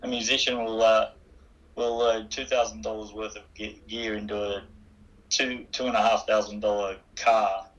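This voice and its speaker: A man's voice: lowish voice, flat delivery, normal speed, fairly bright tone. An older Australian man, a musician guest, chatting casually over the phone in a rambling, self-deprecating way. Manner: rambling, self-deprecating, frequent restarts and fillers. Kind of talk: casual interview chat. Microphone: phone call. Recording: phone-line interview.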